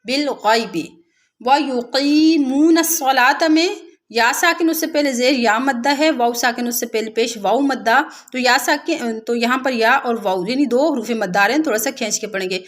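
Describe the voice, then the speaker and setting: Woman teaching Quran recitation, high voice. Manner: explains rules step by step, then recites words slowly and drawn out. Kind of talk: tajweed lesson with slow chanted recitation.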